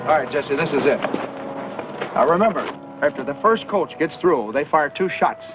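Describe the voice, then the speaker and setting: A man's voice: on the high side, expressive, normal speed, close to an everyday voice. An American actor playing an authoritative frontier lawman giving clipped orders in an old western film. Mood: commanding. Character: commanding frontier lawman leading a posse. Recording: dull old film soundtrack with music.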